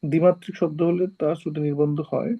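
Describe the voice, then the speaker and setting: A man's voice: on the high side, little pitch movement, quick pace, lo-fi sound. A male teacher giving an informal classroom lecture, explaining step by step and often checking that students follow.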